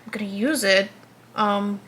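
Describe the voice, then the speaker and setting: In a fairly even, mid-range voice that is fairly bright and a little slow, a twenty-something vlogger talks casually as she applies makeup. She rambles, breaks off mid-thought, and occasionally drops to a whisper. Slight background noise is present.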